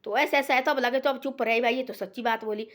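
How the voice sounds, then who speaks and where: A woman's voice: fairly high pitch, fairly even intonation, fast talker, a bit bright. A woman telling a moral story in a homely, rambling way, constantly repeating filler words. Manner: homely, folksy and unpolished. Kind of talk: casual spoken moral story.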